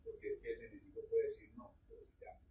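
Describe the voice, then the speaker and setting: A man's voice: extremely high pitch, monotone, quick pace, mellow, a little hiss or hum. A man preaching a sermon to a church congregation, exhorting and asking his listeners questions. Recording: echoey room, voice from far off.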